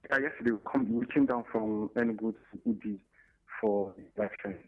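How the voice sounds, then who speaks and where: A Nigerian man calling in to a radio show, reporting in quick, halting sentences over a tinny phone line. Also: medium pitch. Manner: fast, halting, restarting sentences. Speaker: caller.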